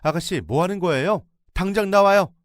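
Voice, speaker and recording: A man voicing an indignant young wife who shouts shrilly in defense of her sister-in-law. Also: high-pitched, normal speed, no room sound, studio quality, voice pushed up, close to an everyday voice. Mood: shouting.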